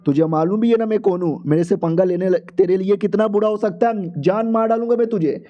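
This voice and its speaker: A man's voice: high-pitched, brisk, muffled recording, lightly acted. A man voicing an arrogant young male thug who blusters and whines when he is beaten. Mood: blustering.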